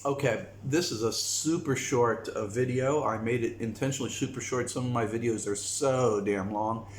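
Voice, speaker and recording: An American man vlogs casually to camera, speaking to his viewers slowly and reflectively with frequent pauses. His voice is medium in pitch. The room is echoey, with faint noise.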